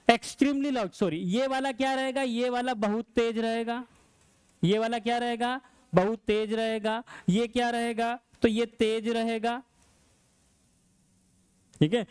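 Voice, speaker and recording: A man's voice: very high-pitched, smooth, no room sound. A male science teacher lecturing a class, asking questions and answering them himself.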